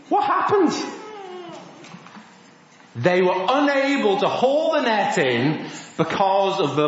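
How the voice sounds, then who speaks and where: A man preaching an animated all-age sermon in a church, asking the congregation questions and acting out voices. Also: very high-pitched. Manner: lively, asks the congregation questions, acts out voices. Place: church hall. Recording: echoey church, dull lo-fi sound.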